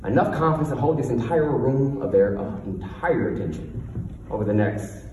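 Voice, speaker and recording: A man's voice: mid-range voice, animated, normal speed, warm tone. A man giving a confident, emphatic motivational talk on stage, with a lisp that turns his R's into W's. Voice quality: lisp, cannot say R's, says w for r. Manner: emphatic, confident delivery with rhetorical questions. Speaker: motivational speaker, coach. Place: stage in a large echoing room before an audience. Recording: echoey hall from far off, faint noise.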